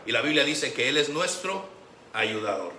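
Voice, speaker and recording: A man preaching a Sunday sermon as pastor, animated, acting out the voices he quotes. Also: mid-range voice, moderate pace. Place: church sanctuary. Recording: echoey church room with faint background noise.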